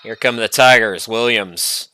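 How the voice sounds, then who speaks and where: A man calling a basketball game play-by-play, chatty and prone to rambling asides between excited calls. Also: fairly low pitch, a little slow. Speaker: play-by-play announcer.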